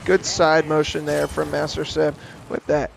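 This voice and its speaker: A man calling esports play-by-play, giving a brisk, steady account of the action. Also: on the high side, gravelly. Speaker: play-by-play caster.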